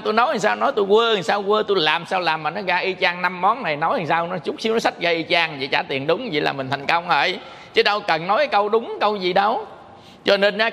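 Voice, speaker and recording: A Buddhist monk from Vietnam gives a dharma talk, speaking in a conversational way. His voice is gravelly, bright and somewhat high for a man. A long hall reverb trails his words. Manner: conversational, asks the audience questions.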